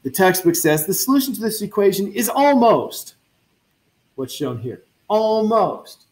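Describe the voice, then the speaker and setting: Very animated but unhurried, a man with a high voice walks his university physics students through equations step by step in a lecture recording. He self-corrects as he thinks aloud and tosses off casual comments to the class.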